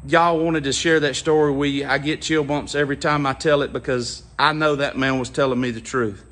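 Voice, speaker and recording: Earnest man with a bright voice. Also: medium pitch, fairly even intonation, fairly quick. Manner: earnest, retells a conversation with constant "he said". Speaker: vlogger sharing a recovery story. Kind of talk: casual spoken storytelling.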